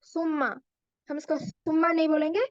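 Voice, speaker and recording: A woman explains recitation rules at an unhurried, deliberate pace, stopping to sound out each letter. Her voice sits high and light. The recording is dry and a little muffled. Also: no echo. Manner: patient, deliberate, demonstrating letter sounds aloud. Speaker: Quran recitation teacher. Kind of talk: slow explanatory lesson mixing Hindi-Urdu and English.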